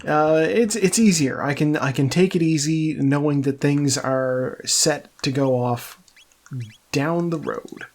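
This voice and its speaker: A man's voice: fairly high pitch, slow, faint music behind. Chatty man hosting a game playthrough. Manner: rambling, self-correcting, chatty. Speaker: let's play host. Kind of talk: casual gameplay commentary.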